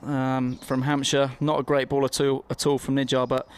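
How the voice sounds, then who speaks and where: A man's voice: mid-range voice, level tone, normal speed, clean tone. A man working as a cricket summariser and former player, conversational and opinionated, repeating phrases for emphasis. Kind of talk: live cricket commentary, analysis.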